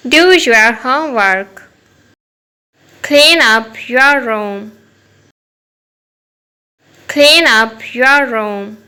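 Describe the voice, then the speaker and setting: A woman teaching simple English phrases to children, saying each one slowly and clearly twice. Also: on the high side, pushed and bright, low-quality recording. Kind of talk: repeating phrases for learners.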